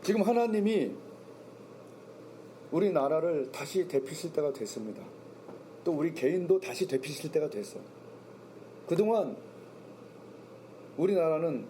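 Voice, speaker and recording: Male pastor, gravelly voice that sits a bit high, preaching with rhetorical questions; faint background noise on the recording. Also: dark tone. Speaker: senior pastor. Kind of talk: sermon. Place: church sanctuary.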